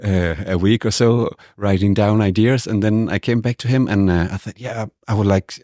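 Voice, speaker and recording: Danish male musician, deep voice, casual interview guest, halting delivery, dry close sound. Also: dark tone, no echo. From Denmark. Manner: hesitant, with many restarts.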